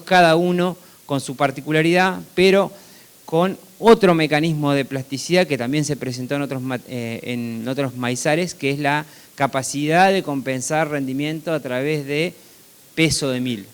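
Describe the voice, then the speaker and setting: A man's voice: a little high, smooth. A man with an Argentine accent gives a technical product presentation conversationally, often checking in with short tag questions. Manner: conversational, seeking agreement with frequent tag questions. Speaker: seed company presenter.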